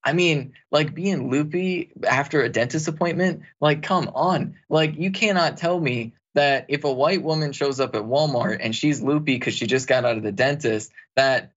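A man's voice: on the high side, normal speed, few pauses, fairly bright tone, dull audio. A man co-hosting a commentary show, talking earnestly and casually with many fillers. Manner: earnest, heavy use of "like". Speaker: co-host.

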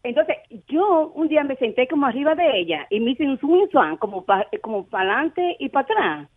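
Woman caller, high animated voice. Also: moderate pace, breathy edge, no room sound, narrow, tinny audio. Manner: playful, emphatic, slangy. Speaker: radio show caller. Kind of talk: casual personal storytelling.

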